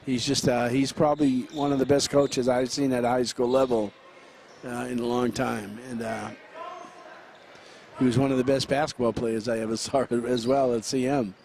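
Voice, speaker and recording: A man calling play-by-play for a high school basketball game, running through quick action with frequent fillers and restarts. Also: flat delivery, a little mellow, slight background noise. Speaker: play-by-play announcer.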